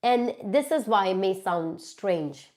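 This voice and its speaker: Congested from a cold, this Indian YouTuber runs a live Q&A stream from her phone, reading viewers' comments aloud and replying in a chatty way. She speaks slowly at a medium pitch, sounding animated and slightly mellow.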